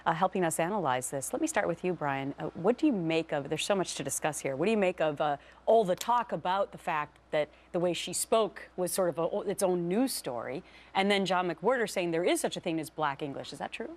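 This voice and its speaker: A woman's voice: on the low side, lively intonation, a little fast, hardly any pauses. A woman presenting a morning TV news segment and putting questions to guests as the host.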